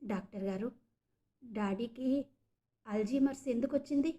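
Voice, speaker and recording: A woman's voice: on the high side, normal speed, mellow, natural voice. A woman voicing a distressed young daughter who speaks in a choked, crying voice. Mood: tearful. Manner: choked, sobbing voice.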